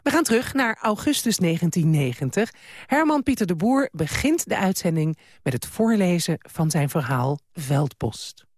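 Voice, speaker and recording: A woman's voice: fairly low pitch, sing-song, moderate pace, a little mellow, no room sound, clean studio sound. A woman hosting a radio programme, presenting with light, wry asides. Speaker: radio host.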